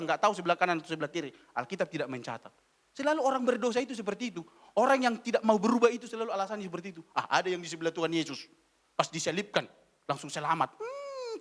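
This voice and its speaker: Animated high-voiced Indonesian preacher. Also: male voice. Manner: blunt, scolding, animated storytelling with quoted dialogue. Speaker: evangelist preacher. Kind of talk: sermon with storytelling. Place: church.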